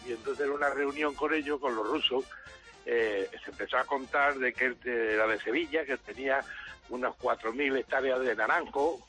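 A man's voice: medium pitch, moderate pace, bright, forceful tone, soft background music. A man calling a radio show, telling a funny story building to a punchline. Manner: builds up to a punchline, hesitant fillers. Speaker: caller. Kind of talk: telling a joke anecdote on a call-in show.

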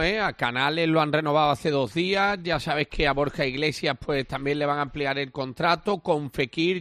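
Fluent radio sports reporter, dry mic. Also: male voice, a little high, fairly bright tone, no room sound.

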